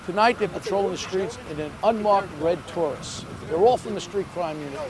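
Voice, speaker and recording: A man's voice: sits high, brisk, crowd noise. A man hosting and narrating a police reenactment in a scripted style, also putting interview questions. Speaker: host and narrator, former police officer. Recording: faint background noise.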